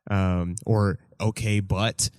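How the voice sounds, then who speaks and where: A man's voice: lowish voice, little pitch movement, slow pace, darkish tone, no room sound, studio quality. A man hosting a podcast in casual chat, talking hesitantly with many fillers. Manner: hesitant, many ums and uhs, laughs often. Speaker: podcast host and catechism teacher.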